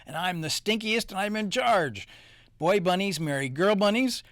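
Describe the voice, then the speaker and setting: A self-important stink bug who bellows his rules in a raised, tense voice, as a man puts him on. His lines swoop high and stretch out slowly, the way a storybook bully talks. It sounds close and dry, with no room around it. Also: lively intonation, no echo. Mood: haughty. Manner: booming, shouting, drawn-out. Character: pompous bossy male stink bug in charge.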